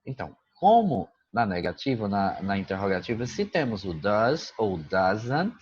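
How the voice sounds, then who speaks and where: A man's voice: lowish voice, husky, lo-fi sound. A man who teaches English, patiently explaining a school exercise and often stopping to check that his students follow. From Brazil.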